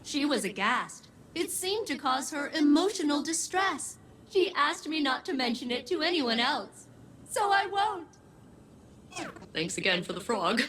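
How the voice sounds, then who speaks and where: A woman's voice: high voice, sing-song, measured pace, a bit bright, slight background noise, exaggerated voice. A woman voicing a quirky, cheerful female ship AI, chirpy with formal, robotic phrasing, in video game voice acting. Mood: delighted.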